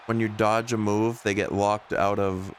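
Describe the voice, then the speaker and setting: Low-voiced man doing casual gameplay commentary. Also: level tone, measured pace, a little hiss or hum. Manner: conversational, thinking aloud. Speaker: game streamer, VTuber.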